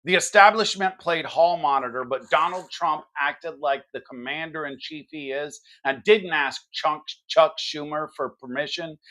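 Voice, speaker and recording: High-pitched man, emphatic political podcast host. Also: sharp tone. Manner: emphatic, combative. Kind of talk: political commentary monologue and podcast talk.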